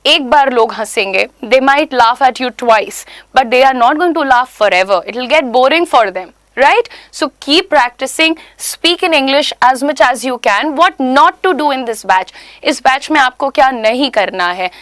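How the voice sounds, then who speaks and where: A young Indian-accented woman teaches a spoken English class in a high, unhurried voice. She talks emphatically and repeats key points. The sound is close and dry. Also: fairly bright tone, dry recording. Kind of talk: online class lecture in mixed Hindi and English.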